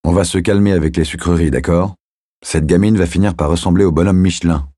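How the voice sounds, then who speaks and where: A man voicing a grumpy, stern father who speaks in a gruff, disapproving way in a storybook reading. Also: deep voice, fairly even intonation, a little fast, mellow, dry recording, studio quality.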